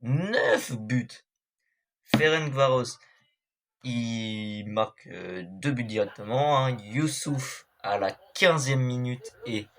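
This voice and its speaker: A man's voice: medium pitch, gravelly, fairly bright tone. A young man hosting an esports club show, giving a casual, hesitant recap of football matches with many fillers and apologies.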